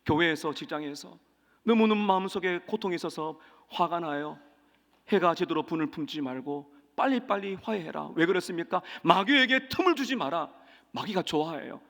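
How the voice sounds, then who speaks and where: A man pastor preaching a sermon in a church sanctuary, speaking emphatically and swelling to loud peaks as he leads the congregation in repeating verses. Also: on the high side, brisk, vocal fry. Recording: reverberant church hall.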